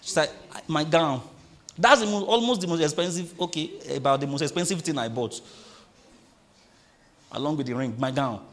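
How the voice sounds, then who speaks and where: A male pastor preaching a sermon, drawing the congregation into call-and-response and reading scripture slowly with emphasis. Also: a little high.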